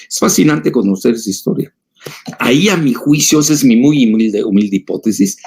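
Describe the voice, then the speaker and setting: A man's voice: fairly low pitch, gravelly, darkish tone, husky. A man, an older analyst, answering audience questions in a digressive, emphatic lecture style with many filler sounds.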